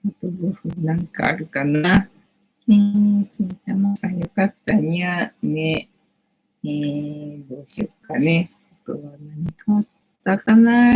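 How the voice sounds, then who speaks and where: Her lowish, husky voice is heard on dull audio as she, a livestream host in her late forties, chats casually from home. She rambles along, leaning heavily on fillers.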